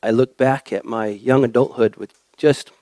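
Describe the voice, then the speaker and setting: A young adult man preaching a church sermon in a halting way, with many fillers and restarts. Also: mid-range voice, steady tone, dark tone, dry recording.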